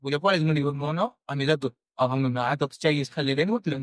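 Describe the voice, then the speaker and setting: A young Marathi-accented man telling a true ghost story on a podcast, halting with fillers and restarts and acting out what people said. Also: fairly high pitch, no echo, clean studio sound. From India. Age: young adult. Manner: halting, many fillers and restarts, acts out quoted dialogue. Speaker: guest storyteller.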